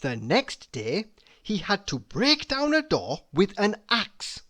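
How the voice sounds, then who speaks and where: Reading to children, a slightly bright-voiced storyteller moves slowly and deliberately, with pitch that swoops wildly phrase to phrase. Emphasis comes from elongating the key words.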